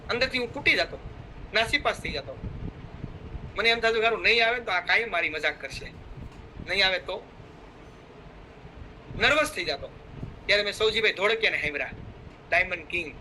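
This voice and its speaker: A man's voice: high voice, expressive, brisk, long pauses, bright, forceful tone, a little hiss or hum, low-quality recording. A middle-aged man giving a fervent motivational talk, urging listeners on and acting out what his friends said. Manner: fervent, exhorting, acts out quoted friends. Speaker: motivational speaker.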